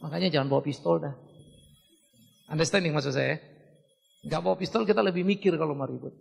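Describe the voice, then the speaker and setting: Joking male pastor, high gravelly husky voice, lively asides, answering questions in a hall with long reverb. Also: a little fast. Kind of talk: sermon Q&A with congregation. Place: church hall.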